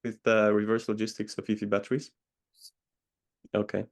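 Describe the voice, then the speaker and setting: A man answers interview questions over a video call, slow to find his words and pausing often. His voice sits low and gravelly, and the pitch stays flat throughout. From Poland. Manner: measured, hesitant with many pauses. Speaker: guest consultant.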